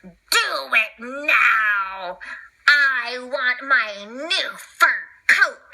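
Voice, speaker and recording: A woman playing a greedy, disdainful villainess in a children's story, with a drawn-out, haughty and emphatic delivery. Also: high-pitched, animated, bright, forceful tone, heavily acted, rough recording. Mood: commanding fury.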